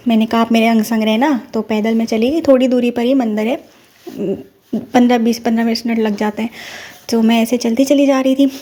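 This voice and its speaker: Speaking as a devotee, a young woman recounts a personal spiritual experience in a relaxed yet sincere spoken testimony. Her voice sits on the high side with a dark tone.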